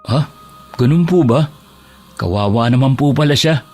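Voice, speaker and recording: An actor playing a tired fish-vendor husband, respectful with customers and exasperated at home. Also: male voice, mid-range voice, animated, moderate pace, a little mellow, soft background music, natural voice. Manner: respectful with elders, exasperated with wife.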